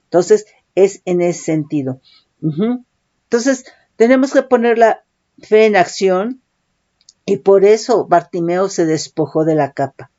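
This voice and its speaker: A woman's voice: mid-range voice, animated, unhurried, dark tone. A woman preaching a sermon, often calling listeners "brother" and checking in with "right?". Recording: dull lo-fi recording.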